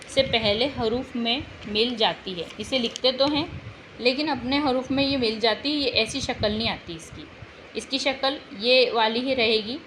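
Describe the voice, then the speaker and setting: Slow, bright-voiced woman teacher. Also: on the high side, slight background noise, poor audio. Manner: patient, repeats example words, checks in with "hai na". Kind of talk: exam-prep language lesson.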